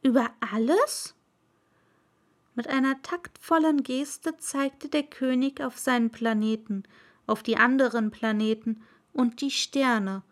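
A woman narrating a storybook aloud in a measured storytelling manner. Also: on the high side.

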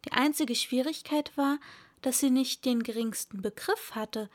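A woman narrating a storybook in a measured way, sometimes softening to a whisper. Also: sits high. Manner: slow, measured, drops to a whisper at times. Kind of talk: storybook reading.

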